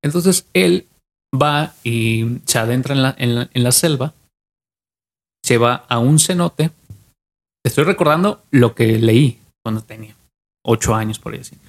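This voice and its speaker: A man's voice: mid-range voice, a little slow, pauses often. A young adult man with a Mexican accent casually retells a legend from memory on a podcast, often repeating and restarting his phrases. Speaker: podcast co-host.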